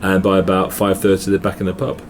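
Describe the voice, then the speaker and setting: His deep voice is monotone and quick, with soft background music behind it. He's a middle-aged Englishman with an English accent, a guest chatting casually in a noisy hotel, telling stories with frequent restarts and repeated words.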